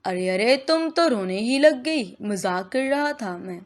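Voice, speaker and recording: A woman reading a young man's lines in a storybook, a playful, teasing boyfriend voiced in a slightly lowered tone. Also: animated, lightly acted. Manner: teasing, then soothing.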